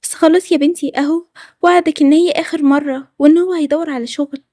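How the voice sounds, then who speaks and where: A woman with an Egyptian accent voicing a worried middle-aged mother who tries to calm her daughter. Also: high-pitched, quick pace, no room sound, clean studio sound, natural voice. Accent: Egyptian Arabic.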